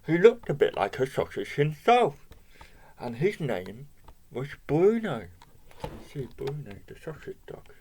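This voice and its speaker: A man's voice: on the high side, very animated, a little slow, warm tone, slight background noise. A man reading a children's picture book aloud, asking the listener questions and pointing out the pictures. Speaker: storybook reader.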